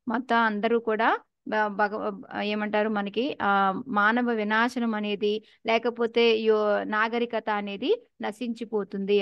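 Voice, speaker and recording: A woman's voice: medium pitch, no room sound, dull audio. Telugu woman teaching a scripture class. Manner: asks the class questions, mixes in English words.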